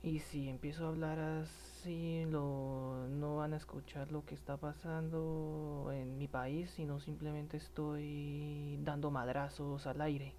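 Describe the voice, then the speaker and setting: A man from Colombia with a regional Colombian accent, speaking in a personal monologue, halting and stammering with many restarts, earnest and indignant. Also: on the high side, level tone, dark tone, slight background noise. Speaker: citizen speaking about protests.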